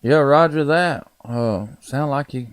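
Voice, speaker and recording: Speaking at a measured pace with a medium-pitched voice, this man from Tennessee chats in a folksy, casual way with a Southern US accent. He's an amateur radio operator and live streamer, and there's background noise in the clip.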